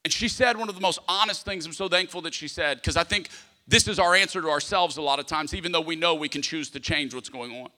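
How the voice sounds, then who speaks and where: Fast and sharp-toned, with a fairly high pitch, a man preaches to a congregation in a large hall where the reverb lingers. His emphatic, conversational sermon features repeated phrases for echoing, small acted-out dialogues and humorous personal stories.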